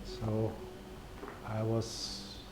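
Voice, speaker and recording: This is a personal testimony monologue from a Guyanese man whose low voice stays completely flat. He talks slowly and hesitantly, repeating himself and pausing, against clear background noise.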